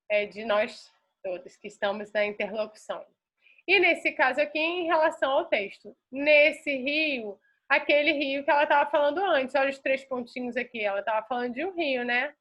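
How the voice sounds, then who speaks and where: A Brazilian woman teacher giving a school lesson, explaining slowly and reading a text aloud with marked intonation. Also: sits high, a bit bright. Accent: Brazilian Portuguese. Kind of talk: recorded classroom lesson.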